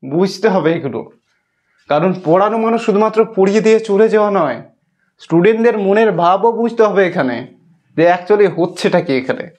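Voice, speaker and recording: High-voiced man teaching English. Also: animated, brisk, darkish tone. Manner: explains step by step, checks with "okay" and "see here". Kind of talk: online English lesson for children.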